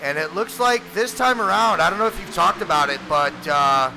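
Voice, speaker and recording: A man doing sim racing play-by-play as race commentator, energetic and chatty, with a voice that cracks now and then. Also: high-pitched, fairly quick, vocal fry, noisy background.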